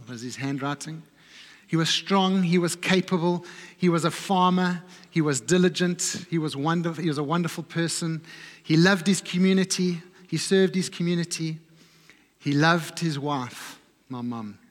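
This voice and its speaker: Male pastor, slightly higher voice, reflective sermon storytelling that drops to soft low lines, church hall with long reverb. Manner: personal, reflective storytelling, often dropping his voice low and soft.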